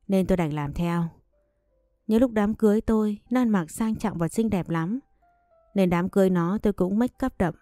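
Dark-toned woman narrating a story. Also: medium pitch, no echo, studio quality. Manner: reads all characters in one voice. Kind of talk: first-person story narration with dialogue.

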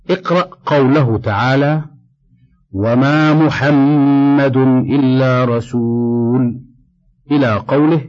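A man's voice: medium pitch, a little mellow, dull audio. Man reading a tajweed lesson aloud. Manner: measured, dictating, slows to recite quoted verses. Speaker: Quran recitation teacher.

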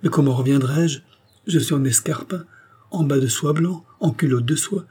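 Male reader voicing a timid, fretful young hairdresser; dark, husky tone. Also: on the high side, normal speed, pitched above the performer's own voice. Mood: anxious. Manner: anxious, stammering.

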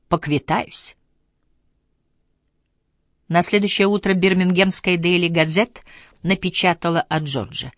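A woman narrating an audiobook in a measured, expressive reading. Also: deep voice, no room sound, studio quality. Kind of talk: scripted narration.

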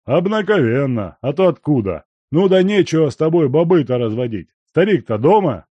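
A man voicing a hoarse, blunt old gray-haired male gold miner who talks coarsely and teases. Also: fairly high pitch, big pitch swings, normal speed, warm tone, no echo, highs cut off, voice pushed up. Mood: gruff.

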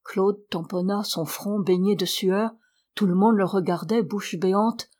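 This is scripted audiobook narration: a medium-pitched female reader works through a classic novel at a steady, measured pace.

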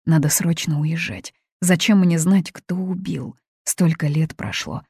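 A woman's voice: low voice, unhurried, mellow, husky, dry recording, clean studio sound, exaggerated voice. A woman reading an audiobook, voicing a young heroine who speaks earnestly and directly. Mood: resigned. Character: young Russian woman visiting, indignant but restrained.

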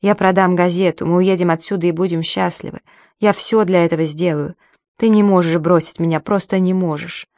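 A woman's voice: fairly low pitch, steady tone, brisk, a little mellow, no room sound, clean studio sound, lightly acted. A woman reading an audiobook, voicing a desperate, frightened man pleading with his lover. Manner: frantic, pleading.

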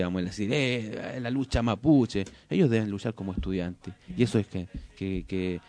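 A man speaking as a radio guest and telling a folk tale, unhurried, with frequent restarts. He has a dark, mellow voice and is recorded on a studio microphone. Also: on the low side.

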